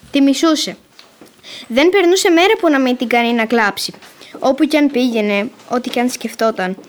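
A woman reading a folk tale aloud at a measured pace, setting out phrases one by one. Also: a little high. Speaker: storyteller.

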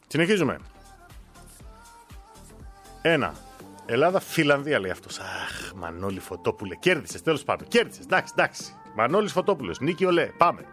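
A man's voice: medium pitch, sing-song, pauses often, fairly bright tone, faint music behind. A man hosting a casual live-stream prize draw, reading winners' names aloud with joking asides. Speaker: host drawing giveaway winners.

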